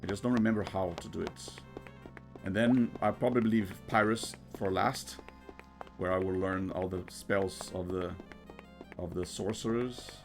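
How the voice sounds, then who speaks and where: A man giving casual game commentary, thinking aloud in a halting way and often repeating his words. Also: low voice, fairly even intonation. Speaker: gamer narrating a playthrough. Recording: game music behind the voice. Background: video game music.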